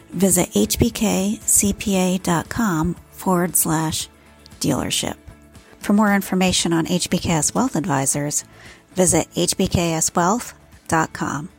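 Husky, creaky low-voiced woman reading a disclaimer. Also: normal speed, a little mellow. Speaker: announcer reading closing disclaimer. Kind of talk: scripted announcement and legal disclaimer. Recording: music under the voice. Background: music.

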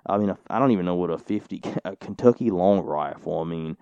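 A man co-hosting a casual podcast tells a story in a low, dark voice. He rambles, filling his sentences with "like" and "you know." The sound is dry and close. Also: expressive, a little fast, creaky, clear, resonant tone, no room sound, highs cut off. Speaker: podcast co-host.

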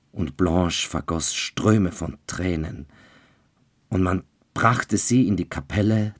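A male storyteller narrating a dark legend in a measured, deliberate way. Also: deep voice, breathy edge, dry recording. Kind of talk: fairy-tale storytelling.

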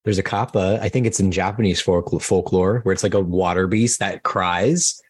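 A woman co-hosting a podcast in casual chat, animated and jumping high in pitch when she jokes. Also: moderate pace, breathy edge, no echo, studio quality. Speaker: podcast co-host.

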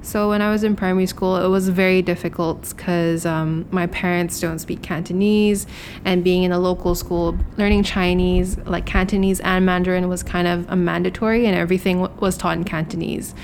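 Young female guest from Hong Kong, lower voice, candid and filler-heavy, faint rumble. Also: steady tone, a little mellow. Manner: candid, quick storytelling with many fillers. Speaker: podcast guest. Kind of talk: casual interview chat.

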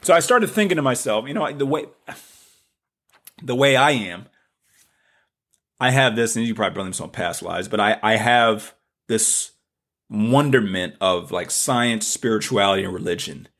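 A man's voice: fairly low pitch, normal speed, pauses often, fairly bright tone. Man, Southern accent, podcast host, rambling, repetitive, searching for words. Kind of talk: spiritual podcast monologue.

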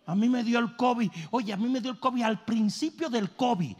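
A man's voice: extremely high pitch, normal speed, in a large hall. A male pastor preaching a sermon with comic storytelling and emphatic delivery.

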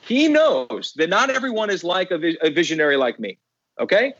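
A man's voice: high-pitched, big pitch swings, fairly quick, fairly bright tone, no room sound, dull audio. A man speaking as a podcast guest, telling stories with emphatic repeated phrases. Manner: emphatic, repeats words for effect. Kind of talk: animated storytelling.

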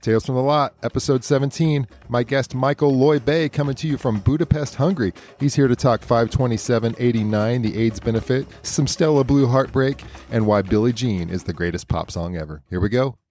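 A man's voice: medium pitch, brisk, hardly any pauses, darkish tone. A man hosting a podcast, reading an intro and promotion in an earnest, upbeat way. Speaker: podcast host. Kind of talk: scripted podcast intro and sponsor read.

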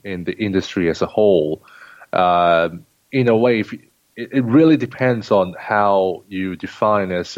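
A man's voice: sits low, darkish tone, dry recording, lo-fi sound. A man from Singapore with a Singaporean accent, a consultant talking in an interview with many restarts and fillers. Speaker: guest, leadership trainer and consultant. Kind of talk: interview conversation.

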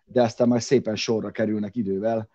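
A man's voice: fairly low pitch, steady tone, dark tone, muffled recording. A man co-hosting a casual car show, talking in rambling bursts with fillers and restarts. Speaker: podcast co-host. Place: separate room from co-hosts.

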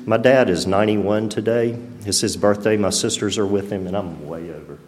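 A middle-aged man gives a halting personal testimony in church, full of restarts and fillers. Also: on the low side, a little mellow, in a large hall.

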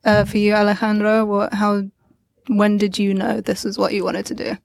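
A woman's voice: medium pitch, completely flat delivery, normal speed, vocal fry. A woman hosting a podcast, asking guests questions in a casual, encouraging way. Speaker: podcast host. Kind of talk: interviewing guests.

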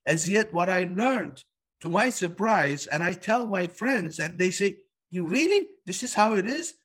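A man from Turkey talks business in a casual conversation, hammering his points home by repeating words. His voice sits a little high for a man. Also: expressive, unhurried, fairly bright tone, husky. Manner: emphatic, repeats key words.

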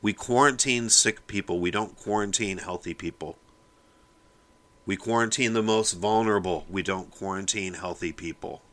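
A man holds forth on his own podcast, lecturing his listeners and stressing each point. His voice sits a little low and comes out tense and forceful. He keeps turning to the audience with a pointed "people". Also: moderate pace. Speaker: podcast host. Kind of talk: opinion monologue.

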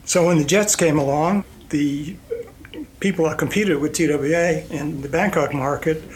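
An older man from Iceland, whose first language is Icelandic, recounts his past in a loose, chatty way, full of fillers and soft chuckles. His voice sits a little high. A faint ambient hum runs behind him. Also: normal speed. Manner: rambling anecdotes with fillers and chuckles. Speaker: guest, company president. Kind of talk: relaxed storytelling interview.

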